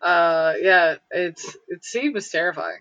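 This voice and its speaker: Woman, bright tone, rambling casual chat full of fillers, dry and dull recording. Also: on the low side, slow, no echo. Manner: rambling, lots of likes and uhs, giggly. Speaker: friend chatting.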